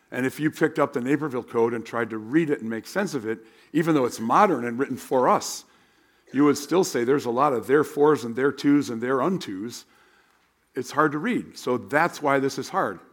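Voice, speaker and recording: An American man preaching as a pastor in a hoarse, worn voice, speaking in a plain, conversational way. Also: medium pitch. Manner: plain-spoken, conversational, rhetorical questions. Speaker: pastor teaching a Bible class. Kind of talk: sermon with spoken prayer and teaching.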